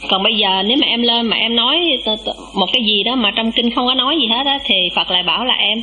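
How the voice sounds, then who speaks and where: Humble nun giving a dharma talk. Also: female voice, a little high, fast, sharp tone, poor audio. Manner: humble, calls herself "em", asks the listeners questions. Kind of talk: dharma talk to a monastic assembly.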